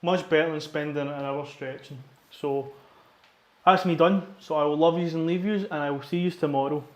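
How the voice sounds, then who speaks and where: A man's voice: on the high side, fairly even intonation, a little fast. A man chatting casually in a workout vlog, plain-spoken and a bit self-deprecating. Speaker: fitness vlogger. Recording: echoey room.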